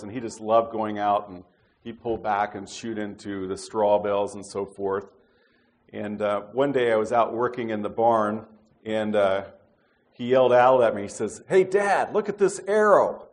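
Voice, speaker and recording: A middle-aged man preaching a sermon in a conversational way, pausing with fillers and restarting his sentences. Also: lowish voice.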